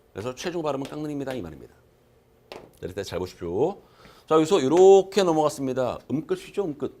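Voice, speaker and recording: Lively male lecturer drilling key terms. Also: medium pitch. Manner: emphatic, asks questions and answers them himself. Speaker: exam prep lecturer. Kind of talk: recorded classroom lecture. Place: lecture room.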